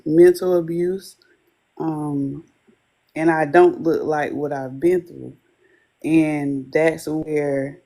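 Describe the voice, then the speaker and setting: Slow, earnest woman sharing her faith. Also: sits low, warm tone. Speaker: life coach for wives of addicts. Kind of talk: interview guest testimony.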